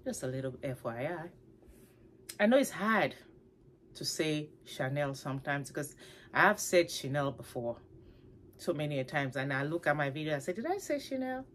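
Chatty woman vlogger with a lowish voice. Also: moderate pace, pauses often, a little hiss or hum. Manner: chatty and animated, with playful asides. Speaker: vlogger showing her handbags. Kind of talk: casual chat to camera. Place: her home, upstairs room.

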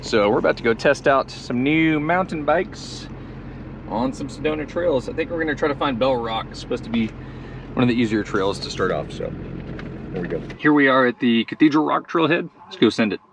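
A man's voice: mid-range voice, expressive, fairly quick. Laid-back man vlogging outdoors, traffic noise. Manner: laid-back, chatty, talks to viewers as "guys". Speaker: travel vlogger. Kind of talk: casual vlog narration. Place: outdoors and in vehicles on a road trip.

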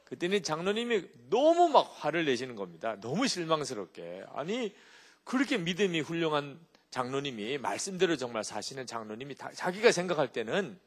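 Here a male pastor delivers his sermon fairly quickly in a voice that sits on the high side. His storytelling is lively, punctuated by frequent rhetorical check-ins with his listeners.

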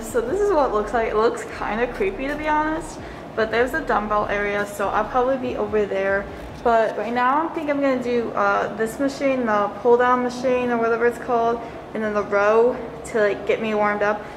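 Background noise accompanies a young woman's casual vlog of her day, shot on a phone or camera placed close by as she goes from her dorm room to a small campus gym. She rambles with many "like"s and "yeah"s and little giggles, her voice on the high side.

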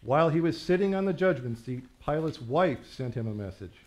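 A man giving a measured, reverent scripture reading in church. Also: a little high, lively intonation. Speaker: scripture reader.

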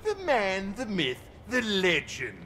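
A gleeful, sadistic clown villain, high for a man and extremely animated. He drawls his teasing, theatrical taunts slowly in a video game, over loud noise. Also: exaggerated voice. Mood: gleeful mockery. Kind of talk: video game character dialogue.

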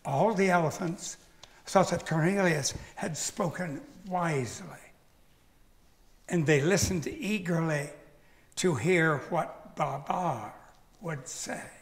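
A man narrating a children's storybook over piano in a slow, dramatic storytelling manner. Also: on the high side.

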